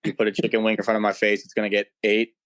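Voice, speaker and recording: A man's voice: on the low side, flat delivery, rapid-fire, a bit bright. A man in his twenties, a laid-back panel guest in a casual chat. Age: 20s.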